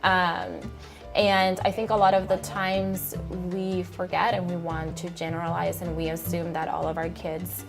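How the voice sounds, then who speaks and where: A woman from Puerto Rico, a high school Spanish teacher, speaking earnestly in an interview with frequent pauses and fillers. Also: flat delivery. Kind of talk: interview talking about teaching. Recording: music playing underneath.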